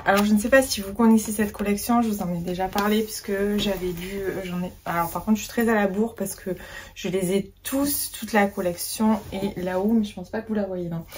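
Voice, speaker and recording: A woman's voice: mid-range voice, a little mellow, a little hiss or hum. A woman talking casually about books in a reading vlog, chatty with many fillers and restarts. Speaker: book vlogger.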